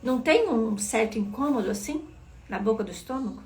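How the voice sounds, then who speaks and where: A woman's voice: a little high, expressive, fairly quick, a little mellow, faint music behind. Earnest woman leading a devotional. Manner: earnest, asks listeners questions directly. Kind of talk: devotional teaching reading from a book.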